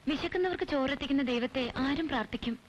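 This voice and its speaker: A woman's voice: high voice, fast, close to an everyday voice. An actress playing a polite young woman raised in Bombay, an outsider who apologizes and slips English words into her speech. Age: young adult. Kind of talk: 1980s film drama. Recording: dull lo-fi film soundtrack.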